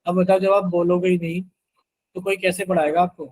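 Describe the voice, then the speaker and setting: A man's voice: high-pitched, level tone, fairly quick, darkish tone, a little hiss or hum, rough recording. A man teaching an online math class, coaxing students to answer and working sums aloud with chanted multiplication tables.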